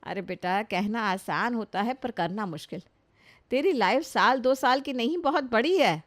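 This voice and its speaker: A woman's voice: fairly high pitch, expressive, moderate pace, dry recording, close to an everyday voice. Brief: woman voicing a worried mother, firm, loving, dry studio. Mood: pleading. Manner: pleading, scolding. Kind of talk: storybook voice acting.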